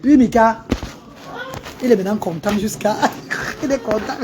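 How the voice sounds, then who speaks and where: A woman's voice: mid-range voice, normal speed, noisy background. A woman hosting a casual live stream, talking to her viewers and coaxing a child beside her. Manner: animated, coaxing a child between remarks to viewers.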